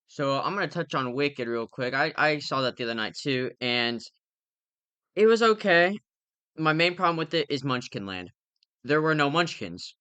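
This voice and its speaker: A young man chats through his recent movie picks as a podcast co-host, opinionated and rambling with plenty of fillers. His voice is bright and crisp. It sits close and dry on the mic. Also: fairly high pitch, expressive, moderate pace, dry recording. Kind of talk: casual movie review chat.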